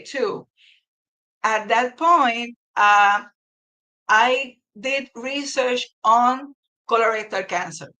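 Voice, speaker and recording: A man, a physician researcher speaking formally and haltingly as a guest on a webinar interview over a video call. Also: very high voice, pushed and bright, low-quality recording. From Puerto Rico.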